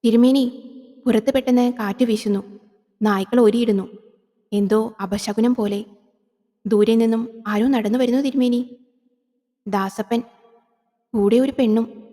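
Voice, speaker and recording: A woman's voice: a little high, fairly even intonation, unhurried, pauses often, warm tone. A woman plays a loyal male helper to a priest, deferential and eager to serve. His lines carry a long hall reverb. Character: loyal, anxious male temple assistant.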